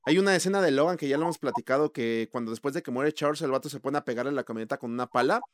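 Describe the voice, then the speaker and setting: A young man with a Mexican Spanish accent co-hosting a casual movie chat, slangy and animated, acting out quoted reactions. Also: mid-range voice, rapid-fire, slight background noise. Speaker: podcast co-host.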